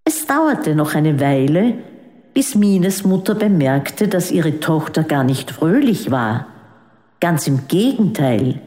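A woman calmly reading a children's story aloud. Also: low-pitched. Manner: calm, unhurried narration. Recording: echoey room with long reverb.

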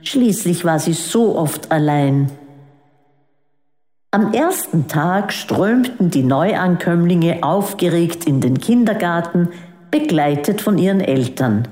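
Slow, lively woman reading a children's story. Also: lowish voice. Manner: calm, unhurried narration. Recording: echoey room with long reverb.

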